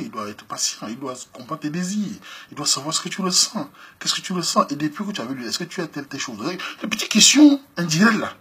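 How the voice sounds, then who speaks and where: A man with a Cameroonian French accent, hosting a show where he comments on a listener's letter and gives advice in a lively, slangy style, laughing often and swinging between loud outbursts and low asides. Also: slight background noise. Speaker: host.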